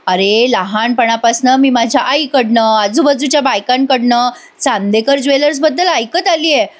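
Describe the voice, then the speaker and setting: A sarcastic young woman with a high, bright voice, stretching her words to mock and needle, as a woman reviewer puts her on. She drawls her jabs slowly and teasingly, pitched above the narrator's own voice. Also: close to an everyday voice. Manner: mocking, drawn-out teasing.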